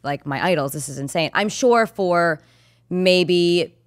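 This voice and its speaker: A woman from Massachusetts, a podcast guest chatting casually, swearing freely and talking excitably. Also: on the low side, measured pace, no room sound, studio quality. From Massachusetts, USA. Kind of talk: casual chat.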